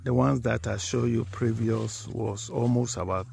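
Walking through his farm in Ghana with a handheld phone, a man narrates the tour slowly and simply, pointing out crops as he goes. His mid-range voice is fairly even, with vocal fry and a darkish tone.

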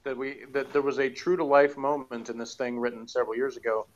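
Here the same kind of speaker, a man in his forties who co-hosts an audio drama review podcast, talks quickly at medium pitch with fairly even intonation. His casual chat from a home office with bookshelves wanders and stalls on fillers, and the audio sounds dull.

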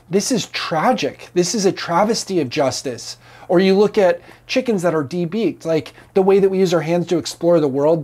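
A man's voice: a little high, darkish tone. Earnest man preaching to camera. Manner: earnest, emphatic, gesturing widely. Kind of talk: impassioned teaching to camera. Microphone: lapel mic.

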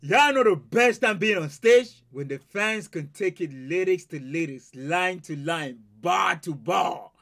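A man's voice: high-pitched, lively intonation, measured pace, few pauses, fairly bright tone, shouting. Hyped man reacting on a headset. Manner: laughing, hyped, talks straight to viewers. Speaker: reaction video host. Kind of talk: excited reaction commentary. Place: small home studio with purple lights, indoors. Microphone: headset mic.

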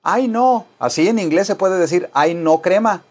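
A man teaching an English lesson, drilling phrases with slow repetition and modeling English sentences. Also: high-pitched, slightly rough.

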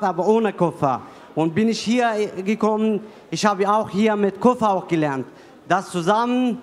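A man in his thirties from Afghanistan, a fighter answering interview questions in broken, hesitant speech full of fillers and restarts, talking into a handheld mic at an indoor fight venue. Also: high-pitched. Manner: halting, many fillers and restarts. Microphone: handheld mic held by interviewer. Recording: long hall reverb.

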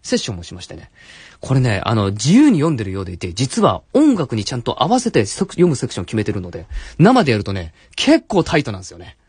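A man's voice: mid-range voice, huge pitch swings, fast, darkish tone, slightly rough, dry recording. A man hosting a live late-night radio show in a studio, talking chattily with many fillers and self-corrections. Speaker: radio host. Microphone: studio microphone.

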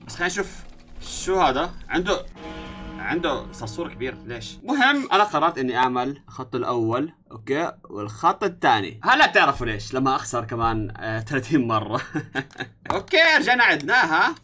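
A young man with a Levantine Arabic accent commentating his own gameplay, his pitch leaping all over the place. His voice is bright and forceful, and he swings between yelling and muttering to himself. Faint music plays underneath. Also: sing-song, fast talker. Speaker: gaming YouTuber. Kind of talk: let's-play commentary.

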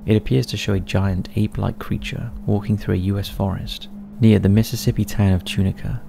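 A man's voice: on the low side, vocal fry, warm tone, slight background noise. A man narrating a scripted countdown of eerie forest stories in a somber storytelling manner.

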